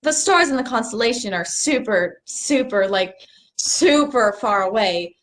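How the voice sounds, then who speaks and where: Young actress doing a nerdy earnest girl who looks stuff up, kinda high voice, says sorry a lot. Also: lively intonation, measured pace, a little hiss or hum. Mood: explaining. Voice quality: earnest, slightly apologetic. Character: earnest nerdy young woman explaining the stars. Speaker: actor in a rehearsed play reading. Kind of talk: stage play reading.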